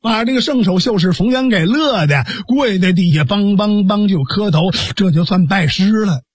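A man telling a traditional Chinese tale as a storyteller, with lively, dramatic narration and sound effects. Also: high voice, normal speed, breathy edge, no room sound, clean studio sound.

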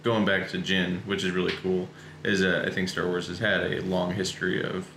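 A man in casual chat as a podcast co-host, relaxed and joking. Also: low-pitched, fairly quick. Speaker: podcast co-host reviewing a film. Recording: echoey room with background noise.

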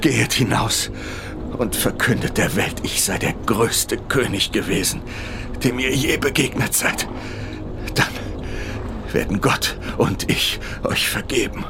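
A man's voice: mid-range voice, unhurried, gravelly, background noise. An actor playing a proud, glory-hungry medieval English king in an audio drama, grandiose and commanding, in archaic courtly speech. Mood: dying, solemn.

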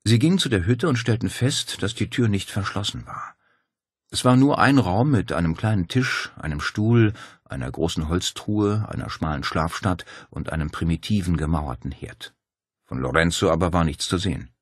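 A man with a very low, husky voice narrates a novel, moving his pitch up and down as he tells the story. The recording is dry and close, with no room sound. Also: moderate pace, dry recording. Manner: lively storytelling. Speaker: audiobook narrator. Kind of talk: scripted audiobook narration.

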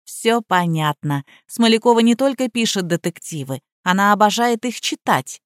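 A woman reading a first-person story aloud as an audiobook narrator, with lively, wry storytelling on a close mic. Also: medium pitch, moderate pace, no echo. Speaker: audiobook reader.

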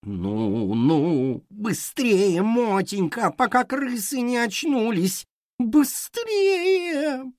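A man doing a shrill, excitable cat. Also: very slow, no echo, clean studio sound, heavily acted. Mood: pleading. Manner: shrill, squealing exclamations. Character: excitable sniffly male cat, boastful yet nervous. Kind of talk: storybook character voice.

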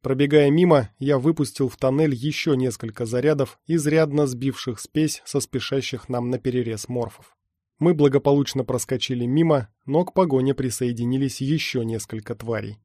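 A man reading a first-person action story aloud at a steady pace as an audiobook narrator. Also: medium pitch, normal speed, no room sound, studio quality. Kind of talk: scripted narration.

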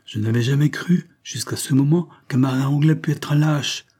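A man voicing a brave, commanding young gentleman who speaks with scorn and resolve in a storybook reading. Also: mid-range voice, normal speed, breathy edge, lightly acted. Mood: scornful.

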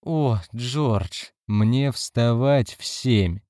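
A man's voice: medium pitch, very slow, warm tone, dry recording, clean studio sound. A man reading an audiobook, voicing a nervous, tearful woman who whimpers and gets flustered. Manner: whiny, flustered. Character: nervous, tearful adult woman, friend and host.

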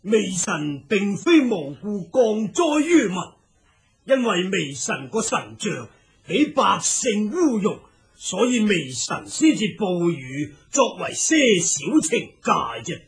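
A man's voice: high-pitched, sing-song, slow pace, pitched above the performer's own voice, full character voice. A man voicing a spiteful, haughty sea Dragon King in a Cantonese storybook drama, declaiming formal accusations. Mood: indignant, self-justifying.

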